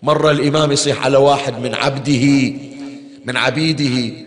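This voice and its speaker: A man's voice: mid-range voice, steady tone, fairly quick. A man preaching in a mourning hall, telling a story with feeling and throwing rhetorical questions at his listeners. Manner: emotive storyteller, asks the crowd rhetorical questions. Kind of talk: Shia mourning sermon storytelling. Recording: long hall reverb.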